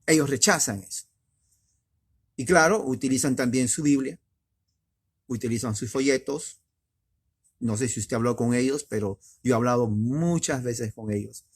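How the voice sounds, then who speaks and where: A man preaching in a conversational way, emphatic and full of rhetorical questions, with sudden rises in pitch and loudness. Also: normal speed, long pauses, breathy edge. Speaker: preacher teaching doctrine. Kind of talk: conversational sermon.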